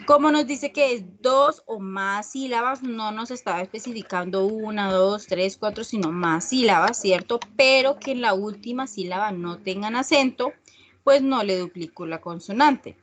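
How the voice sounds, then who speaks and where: A woman teaching an English class, explaining spelling rules step by step and checking often that students follow. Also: mid-range voice. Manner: slow and patient, often checking with a questioning "¿sí?"; reads English examples slowly and deliberately.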